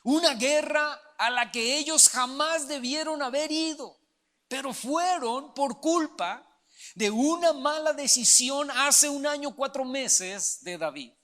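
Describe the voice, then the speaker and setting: Man preaching, high voice, bright tone, emphatic, calls the congregation brother. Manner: emphatic preaching, addresses listeners as hermano. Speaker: pastor. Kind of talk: sermon. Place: church.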